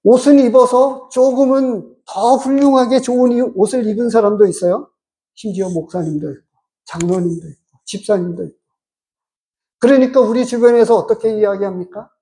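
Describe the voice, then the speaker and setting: A pastor giving a measured, explanatory sermon and asking the congregation rhetorical questions. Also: medium pitch, warm tone.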